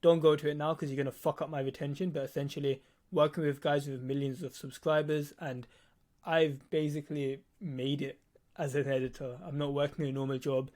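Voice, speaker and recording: A nineteen-year-old man with a lisp teaches on his own channel as a video editor. His voice is on the high side, level, a little mellow and fairly quick. He explains things bluntly and casually, swearing and repeating points for emphasis.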